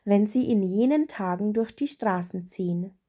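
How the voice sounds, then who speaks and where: A woman voicing a cheerful little male winter spirit in a storybook, speaking in an excited, sing-song way. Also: mid-range voice, normal speed, breathy edge, natural voice. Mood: earnest.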